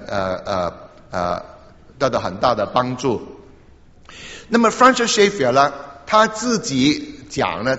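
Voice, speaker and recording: Halting older preacher in an echoey hall. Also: male voice, medium pitch, a bit bright. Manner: halting, repeats words, interjects 哈 and 啊. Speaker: pastor. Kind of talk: storytelling sermon. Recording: echoey hall, dull lo-fi sound.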